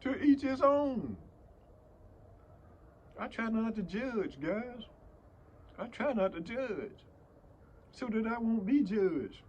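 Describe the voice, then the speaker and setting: Older man, casual vlog host, slow chuckling storyteller with a fairly high voice. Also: slight background noise. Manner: chuckling, rambling with many fillers and restarts; slow folksy preaching with scripture. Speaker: vlogger.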